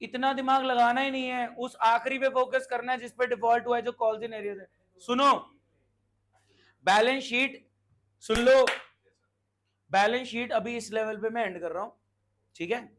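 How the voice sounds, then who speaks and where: A man's voice: very high voice, fairly even intonation, a bit bright. A man teaching a commerce class, quizzing and scolding his students as he explains. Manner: brisk, scolding, asks the class questions. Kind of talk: classroom lecture.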